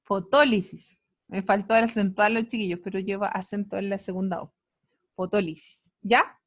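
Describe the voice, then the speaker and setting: A woman's voice: medium pitch, flat delivery. A woman with a Chilean Spanish accent teaching an online science class, checking in with students often and praising their answers. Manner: checks in often with quick tags, upbeat praise.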